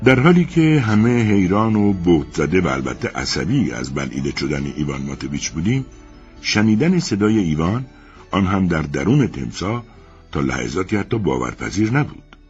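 A man reading a story aloud as narrator, with an expressive delivery. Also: sits low, highs cut off, faint music behind. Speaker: audiobook narrator.

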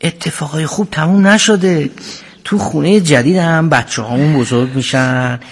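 A middle-aged man playing a gentle, teasing husband and father comforting his wife, in a radio drama. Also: fairly high pitch. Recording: long hall reverb.

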